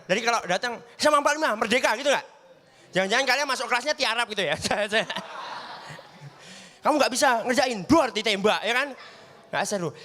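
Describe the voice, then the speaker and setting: A man's voice: high-pitched, sharp tone. A young man doing a stand-up comedy set on a studio stage, chatty and always checking with the crowd. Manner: chatty, keeps asking the crowd for agreement. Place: studio stage with live audience.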